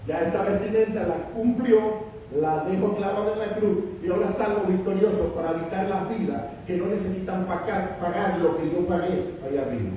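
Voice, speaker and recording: A man's voice: brisk, mellow. A male pastor preaching a sermon with impassioned, rising and falling emphasis in a church hall. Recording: roomy echo, distant mic, faint rumble.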